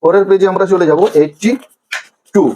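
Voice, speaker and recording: A man from Bengal with a notably high voice, walking young pupils through vocabulary. He stretches each word out slowly, syllable by syllable, like a patient classroom teacher. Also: steady tone, mellow, rough recording. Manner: slow, drawn-out pronunciation of each word by syllables. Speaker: primary school English teacher. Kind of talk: classroom lesson explaining vocabulary.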